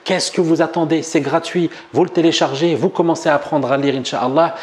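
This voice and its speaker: A man with a French accent teaching a relaxed language lesson at a whiteboard, chatting and joking, then saying new words slowly and more than once. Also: fairly high pitch. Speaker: Arabic teacher. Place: room with a whiteboard.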